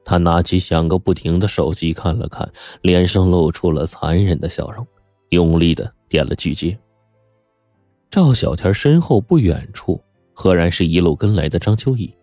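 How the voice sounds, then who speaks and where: A man narrating a story in an animated storytelling manner. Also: low-pitched, normal speed, dry recording, faint music behind. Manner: lively, animated.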